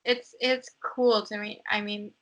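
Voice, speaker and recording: In a muffled recording, a young American woman rambles casually as a guest on a podcast, sprinkling in lots of likes and ums. Her mid-range voice is a bit bright, with a level tone and a slightly slow pace.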